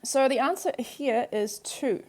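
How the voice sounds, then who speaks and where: In a high-pitched but darkish voice, slightly slow, a woman whose first language is English teaches from a workbook. She moves patiently through the examples step by step and comes back to the key points more than once.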